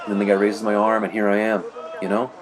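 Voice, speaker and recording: Rambling low-voiced man narrating fight footage. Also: completely flat delivery, quick pace, a crowd in the background. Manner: rambling, conversational, peppered with "you know". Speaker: martial arts competitor narrating his match footage. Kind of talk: casual narrated commentary over video.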